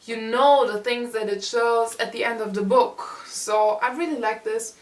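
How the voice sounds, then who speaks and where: Young German-accented woman, high-ish voice, gushing book reviewer, recorded far off in an echoey room. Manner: enthusiastic, with frequent stumbles and repeated words. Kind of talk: casual book review video. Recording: roomy echo, mic set far off.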